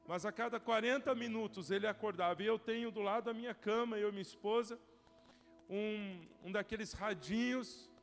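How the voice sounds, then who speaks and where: A young male pastor with a Brazilian Portuguese accent preaching a sermon, telling stories with strong feeling and swinging from loud cries to hushed whispers. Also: sits high. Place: church hall. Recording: church hall reverb with soft music.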